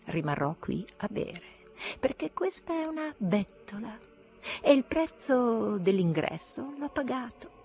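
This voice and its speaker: A woman's voice: on the low side, a little slow, vocal fry, soft background music. A woman reading an audiobook, voicing a bitter, feverish young male outcast who declaims shrilly and defiantly.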